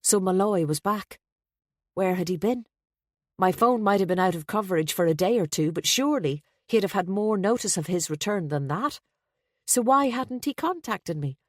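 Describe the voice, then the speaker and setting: Woman audiobook narrator, low voice, wry introspective first-person telling. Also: normal speed, no echo, studio quality.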